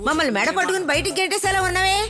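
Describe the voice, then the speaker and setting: A woman's voice: very high voice, rapid-fire, music in the background. A middle-aged woman playing a mother who fusses and scolds emotionally in dubbed film acting.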